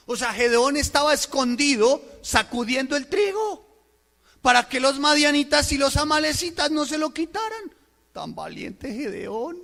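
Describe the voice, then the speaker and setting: A male pastor preaching a sermon, reading scripture aloud and putting questions to the congregation in an expressive way. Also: extremely high pitch, long reverb tail. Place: church.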